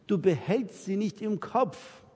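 A man's voice: high voice, animated, takes it slowly, a little mellow. A man preaching an anecdotal sermon, telling stories and acting out the dialogue in different voices. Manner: storytelling, acts out dialogue in voices. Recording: reverberant hall.

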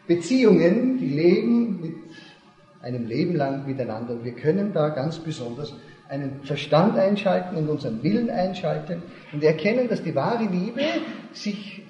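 A man leads a seminar, explaining things step by step, returning to key points and checking whether people are following. His voice is fairly high, warm and expressive at a moderate pace, and the hall is echoey with dull, lo-fi sound.

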